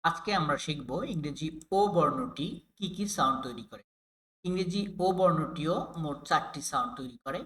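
A man with a bright, fairly high voice, from Bangladesh, gives a phonics lesson for children. He drills each sound slowly, saying every word over and over, patient and clear. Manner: slow, repeats sounds and words many times. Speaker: teacher.

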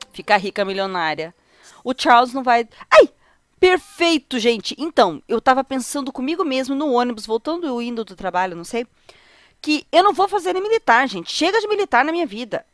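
A woman's voice: fairly high pitch, no echo. A young Brazilian woman with a cold, chatting casually as she plays a life sim game and talks to her characters and viewers. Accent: Brazilian Portuguese. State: has a cold. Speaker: gaming video host. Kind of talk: casual let's-play commentary.

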